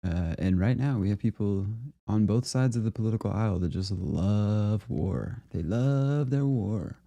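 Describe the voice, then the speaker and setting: A man with a low, very dark and mellow voice talks through clips in a loose, rambling way. He fills his thoughts with "uh" and "you know" and keeps a laid-back, casual tone. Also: moderate pace, vocal fry. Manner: rambling and relaxed, with fillers and laughs. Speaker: host of a conspiracy video series. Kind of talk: casual commentary reacting to clips.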